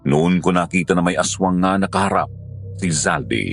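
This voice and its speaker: A male storyteller reading a first-person horror tale with a low voice. He keeps a measured, dramatic pace, with faint music underneath. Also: creaky.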